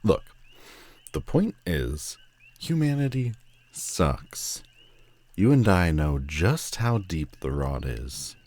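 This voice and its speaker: An extremely deep-voiced man plays a telepathic villain in an audio roleplay, proud, sardonic, and disdainful, though a lonely streak lies beneath his arrogance. His heavily acted, darkish, sing-song delivery is haughty and theatrical, leaning hard on drawn-out, emphatic phrases.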